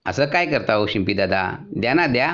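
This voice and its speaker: A man's voice: on the low side, lively intonation, fairly quick, fairly bright tone, highs cut off. A man voicing a cheeky, pestering little male mouse from a storybook, chanting his lines in a sing-song way. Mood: pleading.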